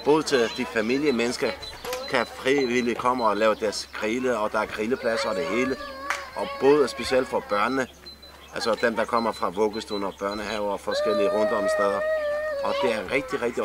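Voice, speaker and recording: A man's voice: fairly low pitch, steady tone, background noise. A middle-aged man who has lived in the area for decades, rambling and repeating himself outdoors in a vox pop interview. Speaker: long-time resident. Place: outdoors in a yard with trees.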